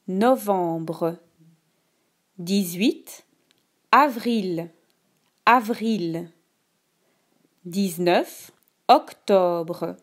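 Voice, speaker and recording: A woman teacher dictating a spelling exercise in a measured, deliberate way, repeating words and phrases for a pupil to write down. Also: medium pitch. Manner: instructional, addresses one pupil directly. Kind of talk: dictation lesson, scripted instructions.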